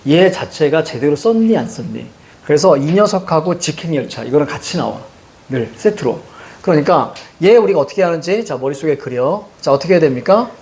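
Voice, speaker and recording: Animated Korean male grammar teacher. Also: fairly high pitch. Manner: lively, rhetorical questions to students, frequent "자". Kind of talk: classroom grammar lecture.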